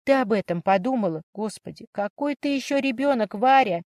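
A woman's voice: fairly high pitch, expressive, brisk, a little mellow, no echo, clean studio sound, natural voice. A woman reading an audiobook story voices a worried, emotional young woman who pleads and fusses over her sister. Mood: alarmed. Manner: pleading, fussing.

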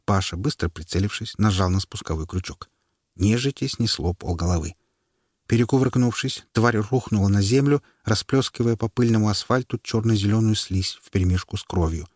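Husky low-voiced male narrator. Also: normal speed, a little mellow, dry recording, clean studio sound. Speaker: audiobook narrator. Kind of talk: scripted narration.

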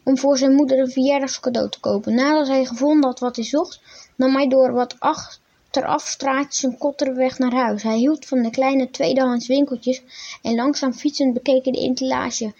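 A woman reading a children's story aloud in a calm, gentle way, with small slips. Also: sits high, normal speed. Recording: dull, lo-fi recording.

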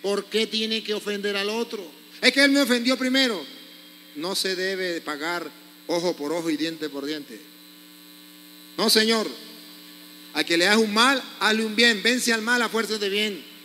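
A man's voice: high voice, measured pace, sharp tone, in a large hall, a little hiss or hum. A priest preaching a sermon, scolding his congregation with pointed rhetorical questions.

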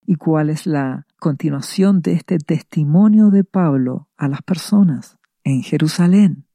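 Preacher with a gravelly, deep-toned delivery who poses questions and answers them himself; unhurried sermon pacing. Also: warm tone, no room sound. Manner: deliberate, asks and answers rhetorical questions. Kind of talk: radio sermon reading scripture.

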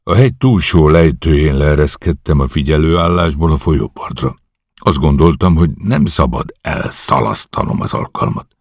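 A man's voice: rumbling low, darkish tone, dry recording, studio quality. A man reading the lines of an eager young commando officer who earnestly reports a risky night mission to his superiors.

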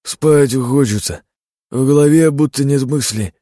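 A man voicing a broken, feverish young man who is hoarse, trembling and stammering, in an audiobook. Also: fairly low pitch, measured pace, a little mellow, no echo, studio quality. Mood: drowsy. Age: young adult.

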